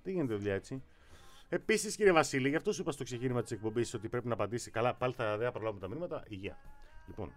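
A man's voice: medium pitch, lively intonation, soft background music. A man co-hosting a casual sports talk show, reading news aloud and teasing his partner.

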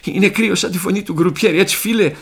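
A man's voice: mid-range voice, expressive, breathy edge. A man voicing a playful, teasing young woman prisoner in a spoken story.

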